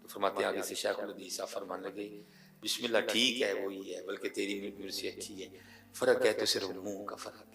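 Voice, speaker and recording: A man delivers an emotional sermon as a storyteller, building emphasis through repeated phrases. His voice is low and gravelly. The recording has a roomy echo and catches him from some distance off. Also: faint music behind. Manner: animated storyteller, repeats phrases for emphasis, swings from quiet to loud. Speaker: preacher. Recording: echoey room, voice from far off.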